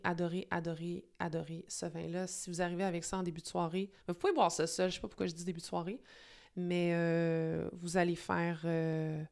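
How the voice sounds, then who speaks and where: A woman's voice: lowish voice, smooth. A young woman with a Québécois French accent, hosting a casual wine review to camera, enthusiastic and chatty with many fillers and restarts. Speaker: wine show host.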